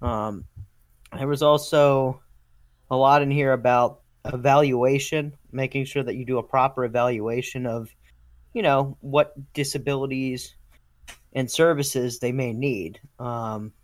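A man's voice: medium pitch, fairly even intonation, measured pace, no room sound. An American man co-hosting a podcast, chatting casually with a rambling manner, lots of fillers and restarts. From United States. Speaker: podcast co-host. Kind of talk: casual chat.

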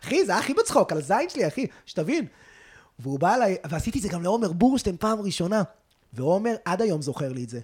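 A husky-voiced man swings his pitch up and down as he tells stories in a relaxed chat. He is a stand-up comedian, lively and crude in his slang, and keeps calling his listener "bro". It is recorded indoors in a loft apartment. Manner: animated, crude slang, constantly says "bro". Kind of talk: casual storytelling chat.

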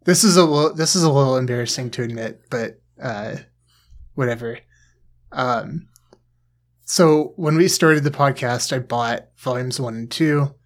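A man's voice: mid-range voice, unhurried. Dry, teasing male podcast host. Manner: dry, teasing, rambling with many fillers. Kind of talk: casual podcast chat.

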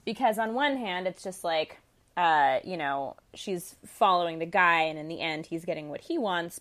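A young woman talking casually as a podcast co-host, laughing often and filling her talk with "like" and "um". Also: on the low side. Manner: laughs often, many fillers like "like" and "um". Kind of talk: casual chat.

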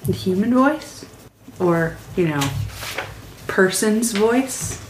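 Female game player, animated intonation, slow casual chat, echoey room. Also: medium pitch. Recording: echoey room, faint noise.

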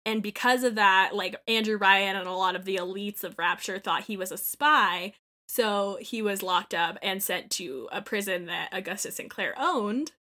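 A woman chatting casually about a video game, animated, swearing freely and acting out bits of dialogue. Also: mid-range voice, normal speed.

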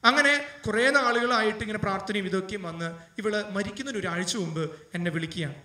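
High bright-voiced preacher in an echoey room. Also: male voice, fast, far from the mic. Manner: emotional preaching, rising to loud fervent appeals. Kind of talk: sermon storytelling.

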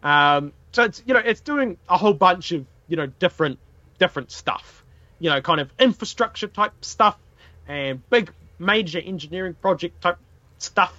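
A man with a broad New Zealand accent hosts a casual history podcast. His voice is bright and high for a man, and his wording is colloquial and peppered with swearing. The recording is a little dull and boxy. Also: lively intonation, normal speed, no echo. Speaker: podcast host.

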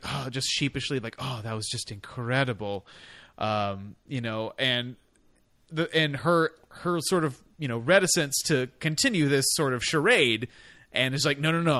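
A podcast co-host with a medium-pitched, fairly bright voice chats casually in rambling bursts, heavy on fillers and quoted voices. The recording has no room sound.

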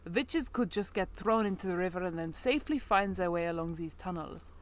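A woman's voice: fairly low pitch, animated, brisk, natural voice. Casting: a woman putting on a fierce, scheming witch with a mock Russian accent, matter-of-fact. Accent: put-on Russian. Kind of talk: reading a story aloud with friends.

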